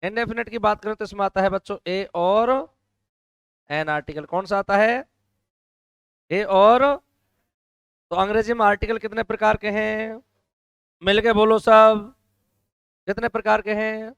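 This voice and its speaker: A male teacher with a hoarse throat, lecturing a classroom and loudly quizzing the students to answer together. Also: high-pitched, steady tone, moderate pace, pauses often, no room sound. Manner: loud call-and-response questioning of students.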